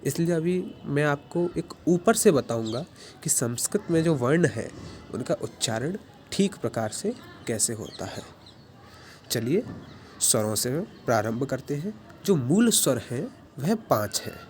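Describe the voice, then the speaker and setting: A man's voice: medium pitch, expressive, unhurried, slight background noise. A man teaching a Sanskrit pronunciation class, patiently explaining and sounding out each vowel and consonant aloud.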